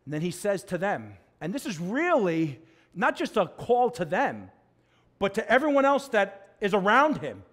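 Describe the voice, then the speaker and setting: Preaching at normal speed, this middle-aged pastor delivers a sermon from a church pulpit with a voice that soars and sinks. His style is lively and expressive, with forceful loud moments set against soft, low stretches.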